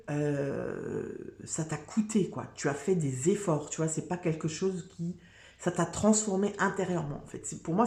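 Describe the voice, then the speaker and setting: A woman's voice: deep voice, darkish tone. Chatty woman reading tarot in echoey room. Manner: chatty, hesitant, lots of fillers and restarts. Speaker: tarot reader. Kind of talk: casual spoken tarot reading.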